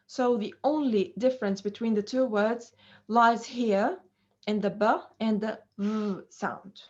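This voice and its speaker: A woman teaching an English pronunciation lesson, speaking slowly and deliberately with many fillers. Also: mid-range voice, steady tone, a little mellow. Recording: dull lo-fi recording.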